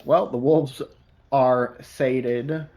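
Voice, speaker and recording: A man playing in a tabletop game, calm and a bit formal when in character. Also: mid-range voice, very slow. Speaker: player. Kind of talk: casual tabletop play.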